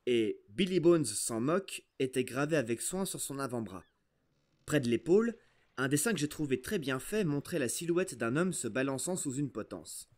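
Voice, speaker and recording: A man narrating an adventure novel aloud in an expressive, storytelling way. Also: mid-range voice. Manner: expressive storytelling, first-person voice of a boy. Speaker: audiobook narrator. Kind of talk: scripted narration.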